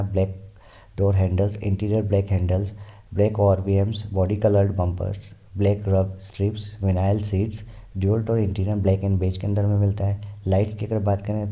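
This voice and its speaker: A man's voice: fairly low pitch, warm tone. A man explaining car variants in a car review, steadily listing features one by one.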